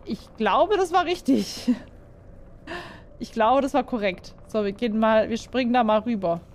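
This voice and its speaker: A woman's voice: a little high, measured pace, darkish tone. A young woman playing a horror game and commenting for her viewers, jumpy and full of exclamations, often asking them questions. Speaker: gaming YouTuber.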